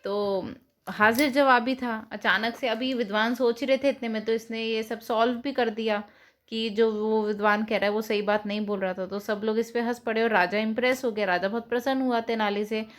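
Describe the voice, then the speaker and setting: A woman's voice: a little high, fairly even intonation, normal speed. A woman, teaching children by retelling a story and explaining it in simple words.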